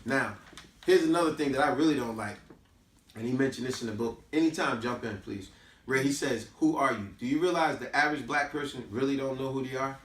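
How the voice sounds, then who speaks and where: This medium-pitched American speaker talks a little fast in an informal, preachy lecture on history and culture. He's emphatic and repetitive and full of rhetorical questions, and the echoey, distant recording carries some faint hiss or hum.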